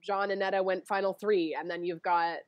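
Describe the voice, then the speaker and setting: Lively, chatty woman on a dry recording. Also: medium pitch, no room sound, highs cut off. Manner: animated, quick, laughs often, trails off and circles back. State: allergies, sniffly. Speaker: guest, former reality show contestant. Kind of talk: casual chat.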